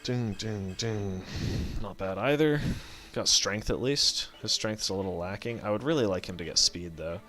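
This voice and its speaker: A man's voice: lowish voice, normal speed, bright, forceful tone. A man giving casual gameplay commentary as a let's play host, rambling, correcting himself and swearing offhand as he thinks aloud.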